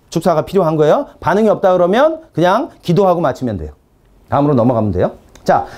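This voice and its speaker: Man, pastor, sermon, high-pitched, very lively intonation, animated storytelling, quiet firm commands. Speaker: pastor teaching deliverance ministry.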